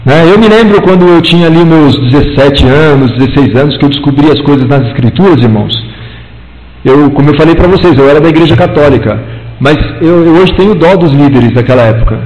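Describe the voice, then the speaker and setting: A middle-aged man from the São leads a church Bible lesson, and his voice sits high for a man. He talks like a chatty storyteller, acting out little conversations. A long hall reverb trails after his words. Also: expressive, brisk, a little mellow, dull audio. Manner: chatty storyteller, acts out dialogue with big pitch swings. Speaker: Bible teacher. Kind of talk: church class lesson with personal anecdotes.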